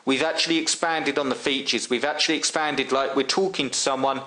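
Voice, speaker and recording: A man walks through a tutorial in a relaxed, friend-to-friend way. His speech is loose and conversational, full of ums and quick restarts. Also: mid-range voice. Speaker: online marketing tutor. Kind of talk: casual screen-share tutorial.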